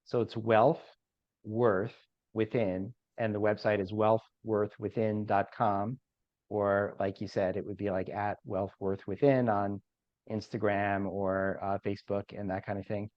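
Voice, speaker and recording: A male podcast host who rambles through his questions, leaning on "you know" and "like". His voice sits at an average pitch. The audio sounds dull and muffled, with no room echo. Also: flat delivery, moderate pace. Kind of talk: podcast interview.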